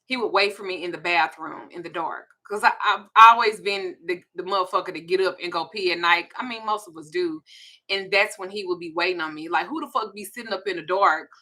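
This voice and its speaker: A woman's voice: lowish voice, fairly quick, sharp tone. A woman in her forties with a Southern US accent, hosting a candid, profane, confiding casual chat. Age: 40s. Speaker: host.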